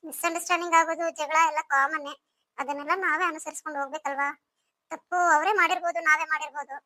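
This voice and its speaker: A gentle older sister in a cartoon story, coaxing and soothing, as a woman puts her on. The voice is very high and bright, and she talks fast. It is recorded close and dry. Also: fairly even intonation, no room sound. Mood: caring.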